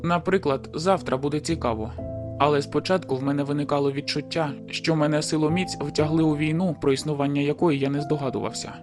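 A man voicing a young male werewolf in an audiobook, speaking in a low-key, reluctant, matter-of-fact way. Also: steady tone, fast talker, over music, lightly acted. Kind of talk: audiobook character voice.

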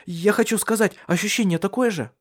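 A man's voice: high voice, a little fast, voice pushed up. A man voicing an anxious, insistent young wife in an audiobook, pleading with pressing questions. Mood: eager. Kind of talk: audiobook character reading.

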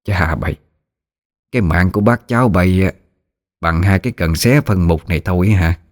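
A man's voice: deep voice, moderate pace, lightly acted. A man voicing a commanding older woman of the forest who speaks in a hearty, teasing way.

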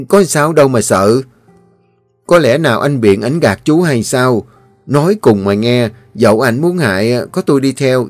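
A man's voice: mid-range voice, a little mellow, dry recording, voice pushed up, close to an everyday voice. A man reading the part of an eager, talkative male servant who coaxes his master along.

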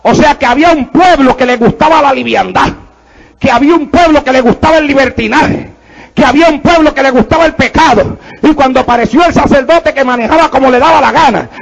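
High-pitched, gravelly preacher man. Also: brisk, rough recording. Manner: fervent preaching with repeated praise interjections. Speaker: pastor. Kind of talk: sermon.

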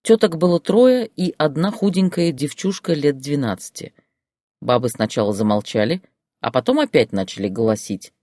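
An expressive audiobook reader tells a comic story with a lively voice that moves a lot in pitch. The recording is close and dry, with no room echo. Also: normal speed.

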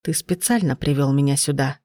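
Brief: woman reading a cold, brutal man, low and threatening, dry and close. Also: normal speed, a little mellow, dry recording, lightly acted. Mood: menacing.

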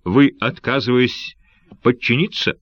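A man voicing a stern officer who loudly hails and threatens from an enemy ship, in a dry, dull recording. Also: mid-range voice, a little slow, dry recording, pitched above the performer's own voice, natural voice. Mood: demanding. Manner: loud, demanding hail.

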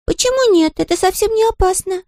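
A tiny yellow storybook chick girl with a very high, squeaky voice, always chattering and asking eager questions. The voice is dry and close, with no room around it. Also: a little fast, no room sound. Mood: friendly.

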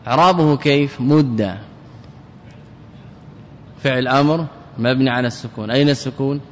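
Man lecturing in a reverberant hall. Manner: quizzes listeners with quick questions; repeats example words to drill them. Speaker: sheikh teaching grammar. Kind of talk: classical grammar lecture. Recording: long reverb with faint rumble.

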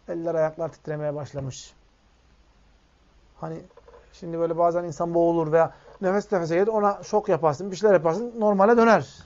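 A man's voice: fairly high pitch, a little mellow. A man preaching a sermon, reciting Arabic quotes and explaining them to his listeners, whom he calls friends. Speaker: Islamic preacher. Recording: dull lo-fi recording.

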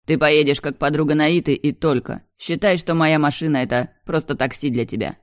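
A man's voice: on the high side, brisk, no echo, clean studio sound, lightly acted. A reader voicing a cold, menacing powerful man who answers curtly in an audiobook. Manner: icy, curt, venomous. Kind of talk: audiobook dialogue.

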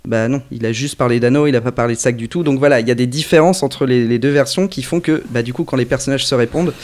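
A man's voice: medium pitch, quick pace, darkish tone. A man from France, a podcast co-host reviewing a fan dub in casual, rambling talk that keeps correcting itself. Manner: rambling, self-correcting, conversational. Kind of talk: casual group podcast chat.

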